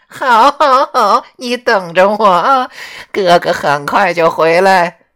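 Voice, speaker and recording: A woman voicing a lecherous, rowdy old male ghost who blusters loudly and swears. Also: extremely low pitch, sing-song, normal speed, exaggerated voice. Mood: swaggering. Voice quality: swaggering, foul-mouthed, loud bluster. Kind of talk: audio drama acting.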